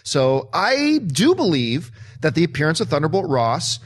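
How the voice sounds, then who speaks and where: A man's voice: on the high side, wildly swooping pitch, normal speed, breathy edge. A man hosting a movie news chat, explaining a theory earnestly and at length. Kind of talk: casual panel chat.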